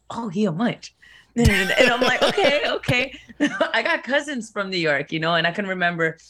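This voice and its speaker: A woman from Florida co-hosting a casual podcast chat, telling stories in a relaxed way and laughing often. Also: medium pitch. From Florida, Tampa area.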